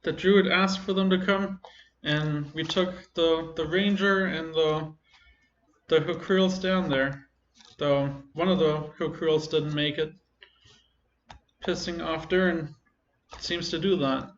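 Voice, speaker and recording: A sneering hobgoblin captive in a tabletop fantasy game, played by a man. He talks bluntly and somewhat high, in a roomy, slightly muffled recording. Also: fairly even intonation, slow, a little hiss or hum. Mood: sneering, defiant.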